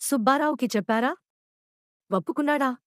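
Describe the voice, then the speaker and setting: A woman's voice: high voice, brisk, dry recording, studio quality, close to an everyday voice. A woman voicing a flustered young man, an anxious family friend who pleads and stammers in a storybook reading. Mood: startled.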